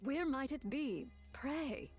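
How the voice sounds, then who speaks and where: A woman's voice: sits high, expressive, slow, darkish tone, faint music behind. A woman voicing a formal, archaic-speaking game character with a theatrical manner. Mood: musing. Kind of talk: video game voice acting.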